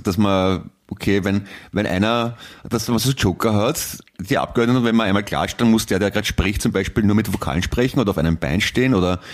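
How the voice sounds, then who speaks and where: A man's voice: lowish voice, fairly quick, hardly any pauses. A man with an Austrian accent co-hosting a podcast, teasing and spinning silly ideas in casual banter. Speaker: podcast co-host.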